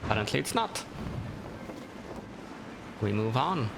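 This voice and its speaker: A gaming streamer gives casual, easygoing let's play commentary, talking to himself over game sound. His voice is lowish with big pitch swings, slow and marked by vocal fry, with game audio and noise behind him.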